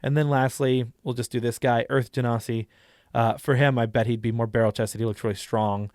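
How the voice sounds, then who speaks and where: A man's voice: medium pitch, steady tone, fairly quick, a little mellow, no room sound, studio quality. A young man hosting a casual tutorial, chatty and demonstrative with lots of fillers. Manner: chatty, demonstrative, lots of likes and you-knows. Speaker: YouTube host and dungeon master.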